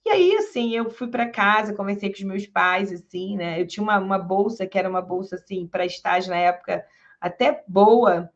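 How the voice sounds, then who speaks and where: Lively gravelly-voiced woman telling a story. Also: medium pitch, a little fast. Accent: Rio de Janeiro Portuguese. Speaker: public defender giving a lecture. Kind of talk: storytelling lecture. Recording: dull lo-fi sound.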